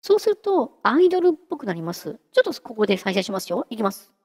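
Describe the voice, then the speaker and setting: A woman hosting a casual software tutorial, chatty and giggly, talking her way through a live demo. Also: a little high, very animated, fast talker, in a large hall. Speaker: VTuber host teaching singing-synth software.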